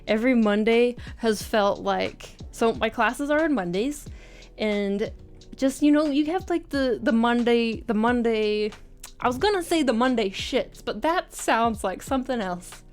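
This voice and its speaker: A woman's voice: on the high side, lively intonation, unhurried. A woman chatting informally on a livestream and reading out viewer comments in a giggly, self-deprecating way. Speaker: art livestreamer. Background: music.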